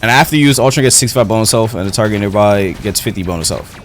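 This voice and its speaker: Brief: young male game streamer, lowish voice with big pitch swings, slangy, profane commentary over loud game music. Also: expressive, fast talker. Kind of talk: casual live gameplay commentary. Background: video game music and effects.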